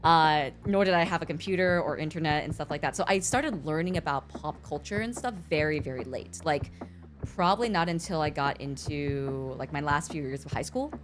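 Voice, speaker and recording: Giggly and chatty on her livestream, a young adult woman talks with an American accent, though Mandarin was her first language. She was born in China and raised in the US from roughly age six. Her voice is low-pitched and a little fast, with slight background noise.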